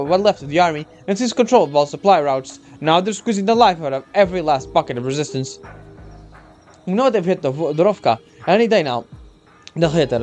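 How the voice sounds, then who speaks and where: A man voicing a frightened, pleading soldier in a game story, earnest and halting. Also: a little high, a little mellow, close to an everyday voice. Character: Mikhail, pleading, frightened male wounded-army soldier. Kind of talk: game story read aloud.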